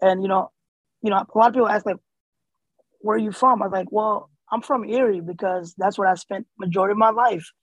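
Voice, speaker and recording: Hesitant husky man with a flat voice. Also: high voice, fairly quick, no room sound, highs cut off. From born in Somalia, raised in the US. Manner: hesitant, many fillers and restarts. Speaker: interview guest, community organizer. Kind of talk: casual conversational interview.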